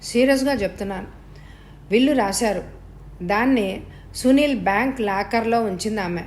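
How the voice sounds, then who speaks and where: A woman's voice: mid-range voice, normal speed, a little mellow, close to an everyday voice. A woman reading the part of a cool, serious young woman who speaks in a matter-of-fact way in an audio story.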